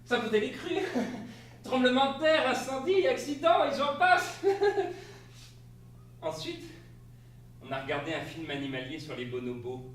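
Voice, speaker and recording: A man's voice: very high-pitched, very animated, a little slow, pauses often, a bit bright, full character voice. A man on stage playing a flustered spouse who tells an absurd tale in a comic theatrical monologue. He delivers it in an exclamatory way and laughs through his lines. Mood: flustered, amused. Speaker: stage actor. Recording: echoey stage, distant mic, faint hiss.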